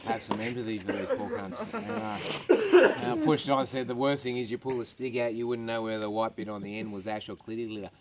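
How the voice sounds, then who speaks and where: A man's voice: on the low side, fairly even intonation, fast talker, very noisy. An Australian man, a stand-up comedian, telling crude stories to a small live audience, swearing freely and laughing at his own jokes. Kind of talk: crude storytelling to a small crowd. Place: outdoors at a farm with a live audience.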